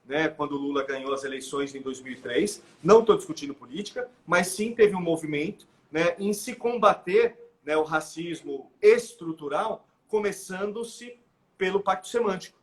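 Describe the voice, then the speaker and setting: A middle-aged man with a Brazilian Portuguese accent, explaining his views as the guest of a live interview, animated and full of "né?" tags and restarts. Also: a little high, moderate pace. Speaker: guest expert.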